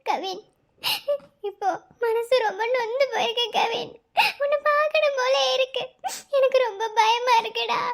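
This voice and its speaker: A woman voicing a squeaky, tearful young mother-to-be. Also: normal speed, vocal fry. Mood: tearful pleading. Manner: pleading, sobbing through words. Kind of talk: cartoon love story voice acting.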